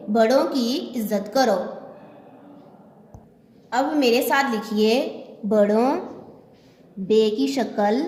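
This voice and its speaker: A woman teacher with a Pakistani Urdu accent, slowly dictating a lesson to children and spelling out each word letter by letter. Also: a little high, darkish tone. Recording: echoey room with long reverb.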